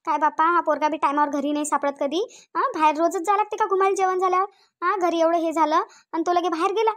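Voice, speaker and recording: A woman's voice: very high-pitched, steady tone, fast talker, a bit bright. A woman voicing a fussy middle-aged village mother with a Varhadi Marathi accent, who talks repetitively and keeps adding tag questions. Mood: scolding.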